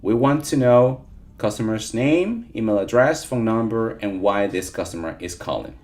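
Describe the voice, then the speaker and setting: A man's voice: fairly low pitch, expressive, moderate pace, darkish tone. A man teaching a live interactive online lesson, repeating points and often checking in with his listeners. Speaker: teacher of call-centre English.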